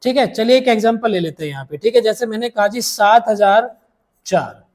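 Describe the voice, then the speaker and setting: A man teaching a maths lesson, repeating each step slowly and calling his students dear children. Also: sits high, darkish tone.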